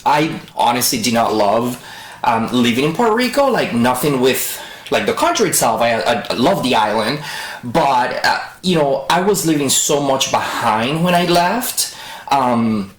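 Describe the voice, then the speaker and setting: A man in his thirties from the Dominican Republic, a podcast guest telling his story in a casual, animated way with many fillers. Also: mid-range voice, a little slow. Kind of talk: casual chat. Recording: roomy echo.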